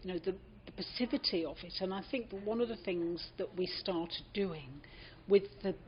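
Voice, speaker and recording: Recalling the past in an oral history interview, an older British-accented woman relates anecdotes in a reflective way, performing the speech of people she quotes. Her voice is mid-range at a normal speed, and the lo-fi recording is dull and muffled, with slight background noise.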